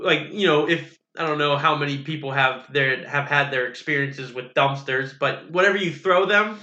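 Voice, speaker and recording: A young man co-hosting a podcast, telling a story in animated, quick bursts. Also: a little high. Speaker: podcast co-host. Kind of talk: casual chat. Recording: roomy, dull lo-fi sound.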